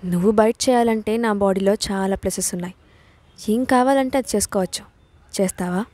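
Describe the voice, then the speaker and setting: A woman reading the part of a sarcastic young husband who snaps back in short, curt lines. He sounds irritable, in a middle-pitched audio-story voice. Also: brisk, a little mellow, dry recording, natural voice. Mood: curt, irritated.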